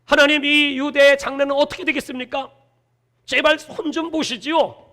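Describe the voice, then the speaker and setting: A man's voice: very high-pitched, flat delivery, normal speed, bright, forceful tone, voice pushed up. A man voicing the prophet Habakkuk as an indignant man who pleads and complains to God. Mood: pleading. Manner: exasperated, pleading.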